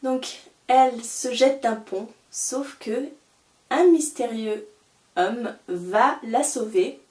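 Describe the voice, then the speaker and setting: A woman's voice: on the high side, slow pace, darkish tone. Chatty young woman in a roomy space. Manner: chatty, enthusiastic, many fillers. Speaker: book vlogger. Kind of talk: casual book haul vlog. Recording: roomy, a little far from the mic.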